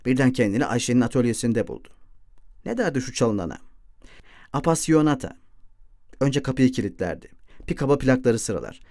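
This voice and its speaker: A man's voice: medium pitch, darkish tone, no echo, clean studio sound. A man reading a literary novel aloud as an audiobook narrator, giving the dialogue lines lightly shifted voices.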